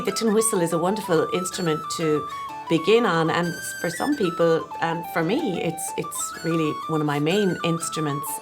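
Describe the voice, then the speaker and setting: A woman in her forties with a Kerry Irish accent, giving a gentle, encouraging, step-by-step tin whistle lesson. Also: low voice. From Ireland (West Kerry).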